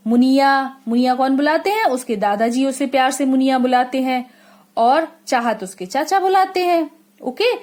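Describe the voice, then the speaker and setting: Female schoolteacher with a high pitch. She explains slowly and repeats key points to young pupils. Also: a little mellow. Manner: asks children questions and answers them herself; slow, repetitive explaining. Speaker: school teacher. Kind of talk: classroom lesson for children.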